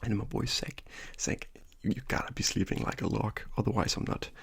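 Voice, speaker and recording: A man's voice: fairly low pitch, fairly even intonation, fairly quick, vocal fry, slight background noise. A young man whispering names over and over as ASMR trigger words, with casual joking asides, in a whispered role-play. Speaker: ASMR creator.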